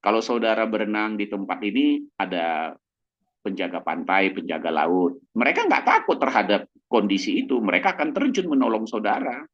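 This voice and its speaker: A man preaches in a relaxed, conversational way, often checking in with his listeners between points. His voice sits low but swings widely in pitch when he stresses something. The recording is dull and lo-fi. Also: moderate pace. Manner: chatty, keeps tagging "ya" and "gitu ya"; animated, jumps high in pitch for emphasis. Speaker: pastor. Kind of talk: conversational evening sermon.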